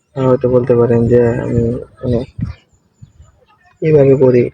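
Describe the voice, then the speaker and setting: A soft-spoken man, quietly narrating a casual walk-through of his farm plants outdoors while filming on his phone. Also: mid-range voice, flat delivery, normal speed, slightly rough, dry recording, highs cut off. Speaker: farming vlogger, new content creator. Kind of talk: casual walking tour narration. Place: outdoors among crops and trees.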